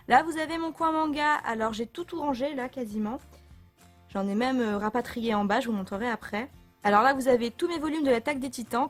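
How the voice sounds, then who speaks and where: A young woman with a fairly high voice talks through her bookshelf at home in a relaxed, chatty vlog. She hesitates often, backs up and corrects herself. Soft music plays faintly behind her. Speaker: book vlogger. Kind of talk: casual bookshelf tour vlog.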